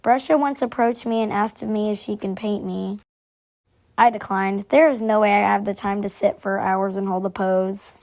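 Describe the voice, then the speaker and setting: A woman's voice: mid-range voice, fairly even intonation, moderate pace, a little mellow, lightly acted, poor audio. Woman voicing a prim, gossipy cartoon busybody. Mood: gossipy, confiding. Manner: confiding gossip, formal and prim phrasing. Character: prim, gossipy, busy train-supplier character, aloof and confiding. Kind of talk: scripted character monologue.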